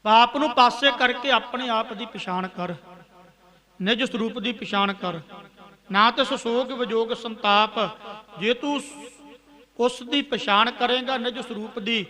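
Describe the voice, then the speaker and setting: A Punjabi-accented man giving a sermon in a very high, bright, forceful voice. He chants lines of scripture slowly and then explains them in simple talk, as a preacher to his listeners. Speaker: Sikh preacher.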